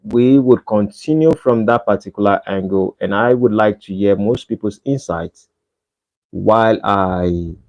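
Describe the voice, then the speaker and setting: This livestream host is a man from Nigeria whose voice is on the low side with a darkish tone. He chats casually and pleads for likes over dull, lo-fi audio.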